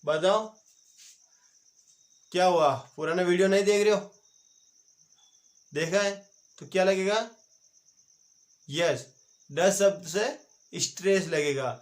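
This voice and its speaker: A man's voice: sits high, slow, long pauses. A man from India giving an online grammar lesson, quizzing viewers with repeated questions and answering them himself. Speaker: teacher. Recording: roomy echoey home recording.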